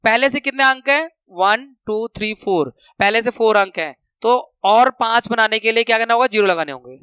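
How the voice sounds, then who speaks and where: A man teaching a maths lesson, counting steps out loud and repeating the rules for students to remember, speaking terms. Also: high voice, moderate pace, clear, resonant tone, dry recording. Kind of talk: classroom lesson explanation.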